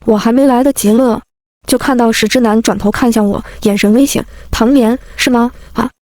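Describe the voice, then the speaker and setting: A woman narrating a first-person story in a lively, wry, comic manner. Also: fairly high pitch, fairly quick, no room sound.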